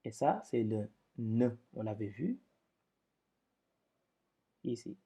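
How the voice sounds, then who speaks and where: Patient slow husky male teacher. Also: mid-range voice, sing-song. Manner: patient, explaining with repetitions, louder when drilling syllables. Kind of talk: step-by-step lesson.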